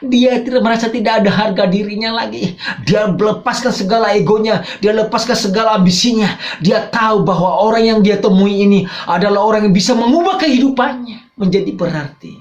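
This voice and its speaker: Man, pastor, sermon, emphatic rises and quiet drops, echoey room, muffled lo-fi sound. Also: a little fast. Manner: emphatic preaching that swings between loud high phrases and low quiet asides. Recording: dull roomy church recording.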